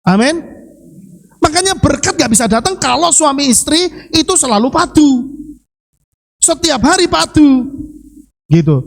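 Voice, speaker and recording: A male pastor from Central Java, Indonesia, preaches with a Javanese accent. His sermon is lively, full of rhetorical questions and sudden dips in pitch.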